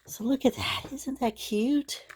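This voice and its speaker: A middle-aged woman hosts a casual crafting show-and-tell video, chatting and gushing over her supplies with plenty of fillers. Her voice sits high and is a little scratchy from a cold, and she talks a little slowly.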